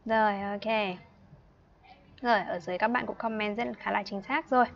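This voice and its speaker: A woman's voice: mid-range voice, vocal fry, muffled recording. Northern Vietnamese woman teaching English to kids. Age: 20s. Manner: patient, repeats words slowly for children; chatty and playful, laughs often. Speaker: English teacher for young children. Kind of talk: online livestream class.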